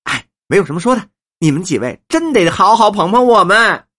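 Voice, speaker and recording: A man voicing a fussy, flattering old woman in a storybook reading, with a husky voice. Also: fairly quick, full character voice. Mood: gushing. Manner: shrill, gushing and flattering.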